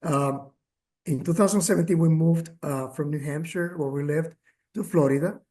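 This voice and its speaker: Guy telling his caregiver story at a workshop, lots of uhs, emotional, kinda high voice. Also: mellow. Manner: halting, many fillers and restarts, emotional. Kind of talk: personal testimony, remote talk.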